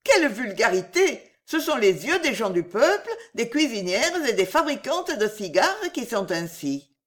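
Brief: woman voicing a high, excitable young fashionable lady, exclamatory and prone to indignation, in a storybook reading. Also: unhurried. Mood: indignant. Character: young elegant Spanish lady, sentimental and vain. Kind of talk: audiobook reading.

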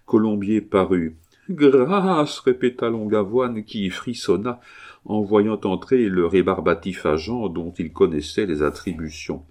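Low-voiced man reading a classic novel. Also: measured pace, a little mellow. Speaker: audiobook narrator. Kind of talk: literary audiobook reading.

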